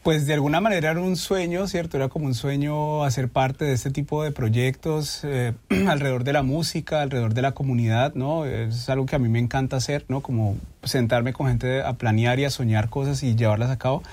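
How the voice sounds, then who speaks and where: A man with a Colombian accent, a guest talking casually in a studio interview, relaxed and thoughtful with frequent tag questions. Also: mid-range voice, brisk. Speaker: guest, DJ and festival co-organizer.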